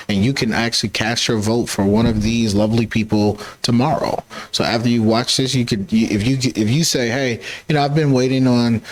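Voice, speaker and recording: Low-voiced male host urging viewers. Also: rough recording. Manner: encouraging, with fillers and repeated words. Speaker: show host. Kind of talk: hosting a candidate forum.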